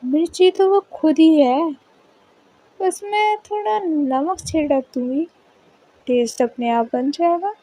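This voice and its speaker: A woman voicing a teasing young college woman with a Haryanvi accent, in drawn-out, slow lines within a storybook narration. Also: high-pitched, warm tone, low-quality recording.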